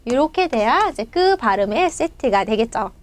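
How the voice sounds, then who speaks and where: A woman teaching a Spanish pronunciation lesson, explaining patiently and saying each example word slowly twice. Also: a little high, big pitch swings.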